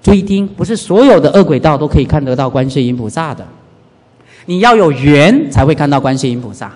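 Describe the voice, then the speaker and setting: A man, a Buddhist monk, giving a lively dharma lecture and acting out everyday scenes. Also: a little high, a little fast. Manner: animated, urges listeners to pay attention, acts out everyday scenes. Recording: reverberant hall.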